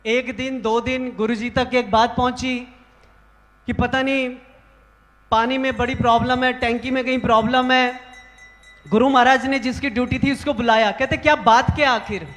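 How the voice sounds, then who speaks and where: Man, very high voice, monk, devotional storytelling, animated and emphatic, long hall reverb. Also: moderate pace. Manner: animated, rising to emphatic exclamations. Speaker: monk speaking at a religious assembly. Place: large gathering hall of monks.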